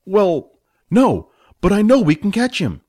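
A man's voice: high voice, huge pitch swings, unhurried, darkish tone, voice pushed up, heavily acted. A man voicing an eager, stubborn young male barbarian who speaks earnestly and insists.

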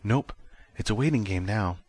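A man's voice: fairly low pitch, moderate pace, a little mellow, close to an everyday voice. A man voicing a blunt, matter-of-fact woman who leads a spaceship crew. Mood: blunt, stern. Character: blunt, stern female spaceship crew leader.

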